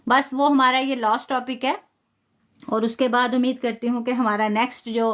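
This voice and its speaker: Leading a live Quran lesson online, a woman whose voice is on the high side goes step by step with patience, lengthening syllables to demonstrate them and praising her students often.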